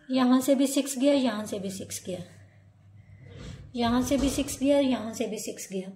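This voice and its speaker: A woman's voice: high voice, dark tone. A woman with an Indian accent teaching a maths lesson, patiently explaining each step and often calling her students "beta".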